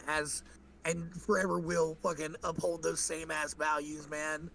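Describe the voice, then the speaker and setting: A man's voice: fairly high pitch, little pitch movement, unhurried, vocal fry, fairly bright tone. A young man co-hosting a casual podcast chat, ranting heatedly and swearing freely. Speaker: podcast co-host.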